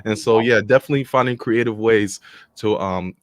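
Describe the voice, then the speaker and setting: A man's voice: lowish voice, fairly quick, dry recording, clean studio sound. Laid-back male podcast co-host. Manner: relaxed, casual, repeats words and restarts. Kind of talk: casual interview.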